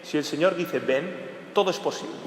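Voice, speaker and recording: A male priest preaches a homily in a fairly high voice, stacking short repeated clauses straight at the listener. He climbs to urgent, raised phrases and drops to low, hushed ones. The sound carries a long church reverb with faint background hiss. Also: normal speed. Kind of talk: weekday homily.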